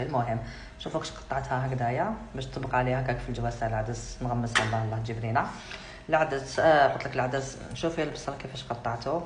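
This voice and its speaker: A woman's voice: sits low, background noise. A middle-aged woman with an Algerian Arabic accent, chatting casually and sassily while she cooks, teasing the viewer and slipping into French. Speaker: cooking vlogger. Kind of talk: casual cooking demonstration. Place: home kitchen with food frying. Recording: echoey kitchen, loud sizzling pan.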